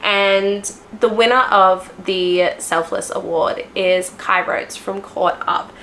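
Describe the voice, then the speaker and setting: A woman's voice: mid-range voice, steady tone, slow pace, fairly bright tone, slight background noise. A woman book vlogger chatting casually to her viewers, gushing and rambling with frequent restarts.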